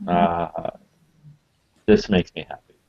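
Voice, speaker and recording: A man in a group exercise standing in for a mother, speaking tenderly with halting restarts. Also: deep voice, little pitch movement, vocal fry, a little hiss or hum. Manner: halting, tender, repeats words. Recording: dull lo-fi sound.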